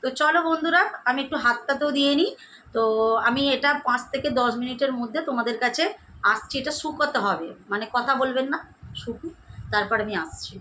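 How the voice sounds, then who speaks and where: Young woman beauty vlogger, rapid chatty tutorial delivery, slightly high voice, home camera mic. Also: sharp tone, a little hiss or hum, rough recording. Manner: chatty, addresses viewers as friends, demonstrating as she goes. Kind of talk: casual skincare tutorial. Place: at home, indoors.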